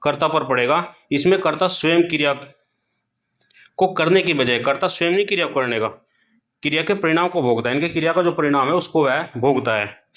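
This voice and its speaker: A man giving a grammar lesson for exam students. He asks questions aloud, answers them himself, and slowly repeats each key point. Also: on the high side, a bit bright. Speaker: Hindi grammar teacher.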